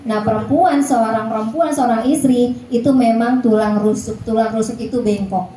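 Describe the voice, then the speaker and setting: A woman's voice: on the high side, steady tone, moderate pace, dark tone, a little hiss or hum. Chatty woman teacher, echoey room. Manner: chatty, keeps checking in with listeners. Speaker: Islamic teacher. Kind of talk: informal lecture to mothers.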